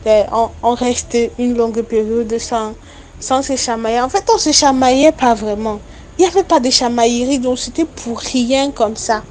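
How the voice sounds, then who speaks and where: Halting young woman telling her story. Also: a little high, a little mellow, slight background noise. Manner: halting, repetitive, earnest recounting. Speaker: storyteller sharing a personal account. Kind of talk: spoken personal testimony.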